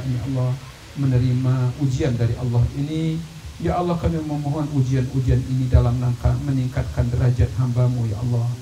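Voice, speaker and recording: A man leading a gathering in a long, slow prayer, with many repeated appeals to God. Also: mid-range voice. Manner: slow, repetitive supplication with frequent "ya Allah". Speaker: prayer leader. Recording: echoey, distant, dull and noisy hall recording.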